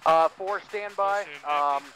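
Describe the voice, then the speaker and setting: Higher-pitched man commanding over game radio chatter. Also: slow, sharp tone, low-quality recording. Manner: matter-of-fact orders with casual asides. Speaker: platoon commander in a military simulation game. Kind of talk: military radio chatter in gameplay.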